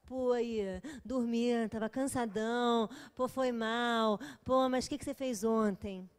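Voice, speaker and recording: A woman voicing a laid-back careless young man with a slow, offhand drawl. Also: a little high, steady tone, clear, resonant tone, long reverb tail, close to an everyday voice.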